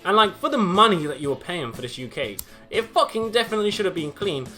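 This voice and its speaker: A young man telling a story casually, animated, laughing often, with heavy slang and swearing. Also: high voice, fast talker, faint music behind. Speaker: vlogger.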